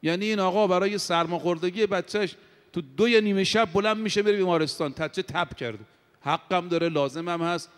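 A man preaching a sermon to a congregation, who slows down to draw out Arabic quotations. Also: high-pitched, a bit bright. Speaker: cleric preacher. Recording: long hall reverb.

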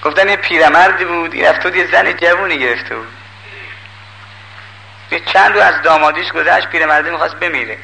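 Bright, gravelly older man preaching. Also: on the high side, long pauses, a little hiss or hum, rough recording. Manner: lively, emphatic, pleading and scolding the listeners. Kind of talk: sermon.

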